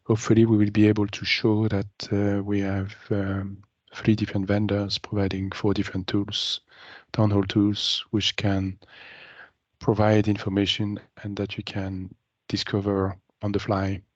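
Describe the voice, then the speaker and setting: Flat-voiced man on a video call, full of ums. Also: lowish voice, no echo. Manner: halting, many ums and uhs. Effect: heard over a video call. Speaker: meeting participant presenting a demo. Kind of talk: business meeting update. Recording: dry, slightly muffled video call audio.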